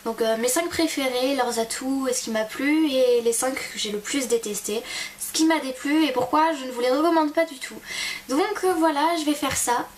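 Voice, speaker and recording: A woman's voice: sits high, moderate pace, a little hiss or hum. A young woman vlogger chatting casually and informally to camera in speech, rambling and hesitating. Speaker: beauty vlogger.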